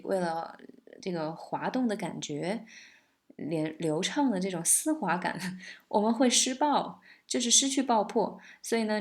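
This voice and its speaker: A woman teaching the pronunciation of a pop song, patiently explaining linked sounds and laughing softly now and then. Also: fairly low pitch. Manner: explains patiently, sings lines then breaks them down. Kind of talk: song lesson, explaining and singing examples.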